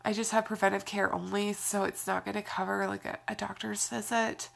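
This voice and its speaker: A young woman talks in a loose, rambling vlog, sighing often and filling gaps with "like" and "um." Her voice is scratchy and gravelly, and her stuffed nose leaves her short of breath. Her pitch sits in the middle. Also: flat delivery, a little fast, a bit bright. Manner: rambling, sighing, with frequent fillers. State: congested and scratchy-voiced from a cold. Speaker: vlogger. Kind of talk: casual vlog talk.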